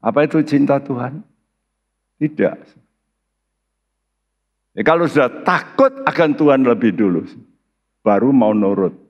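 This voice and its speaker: A man's voice: medium pitch, animated, unhurried, pauses often. A man preaching a sermon as pastor, speaking, asking the congregation questions and rising into emphatic bursts. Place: church. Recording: muffled livestream sound in a large reverberant church.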